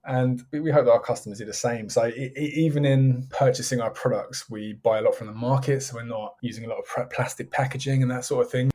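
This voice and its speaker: A man's voice: medium pitch, a little mellow. A man giving chatty, explanatory answers as an interview guest who runs a small business.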